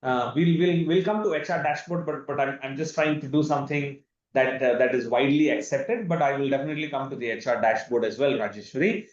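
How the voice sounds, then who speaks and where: With a mid-range voice, this Indian webinar presenter in his thirties talks a little fast and barely pauses. He runs a live online demo over a video call with enthusiasm and frequent repeated words, and the audio is echoey, dull and lo-fi.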